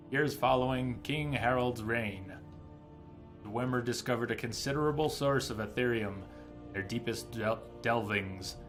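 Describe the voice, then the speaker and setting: This streamer's voice is medium-pitched and fairly bright as he offers live commentary on a game and reads its lore aloud for viewers.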